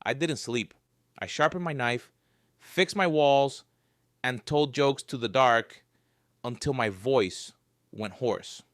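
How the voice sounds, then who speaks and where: A man's voice: mid-range voice, slow pace, pauses often, fairly bright tone, dry recording, studio quality. A man telling a scripted first-person horror story with a wry, joking edge. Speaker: narrator.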